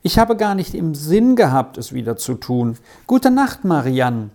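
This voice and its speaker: A storybook reader voicing Sally, a lively young schoolgirl who talks quickly and eagerly. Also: medium pitch.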